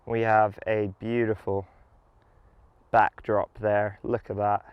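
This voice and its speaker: A man's voice: on the low side, little pitch movement, takes it slowly, smooth, no echo, dull audio. A man giving an enthusiastic, casual product review while playing a round of golf outdoors. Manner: enthusiastic, upbeat.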